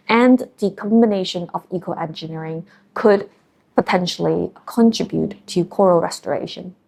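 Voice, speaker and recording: A Hong Kong woman in her thirties, a marine scientist and company founder, speaks English with a Hong Kong accent in a documentary interview. Her fairly low, creaky voice is measured and thoughtful as she describes her work, with frequent ums and uhs.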